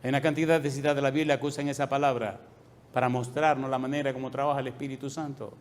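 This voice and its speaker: A middle-aged male pastor preaching a sermon, pressing the congregation with repeated questions and dropping to a soft low voice at the ends of phrases. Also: level tone, fast talker.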